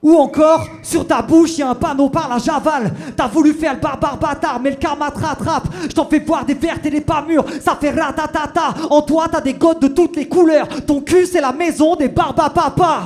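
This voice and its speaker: A man's voice: very high-pitched, fairly even intonation, moderate pace, hardly any pauses, faint music behind. A man delivering a brash, punchy rap battle verse. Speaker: battle rapper.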